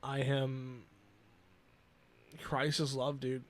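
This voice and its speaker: Earnest young man, halting and emotional. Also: mid-range voice, completely flat delivery. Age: 20s. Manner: earnest, halting, with many restarts and "you know". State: emotional, near tears. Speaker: podcast host. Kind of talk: personal solo podcast talk.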